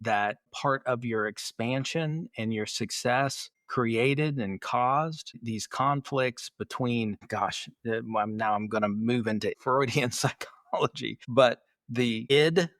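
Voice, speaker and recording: A man of ordinary pitch talks through ideas in a measured, explanatory way, sprinkling in filler words. He co-hosts a casual podcast as a therapist. The sound is dry and close. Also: a bit bright, no room sound.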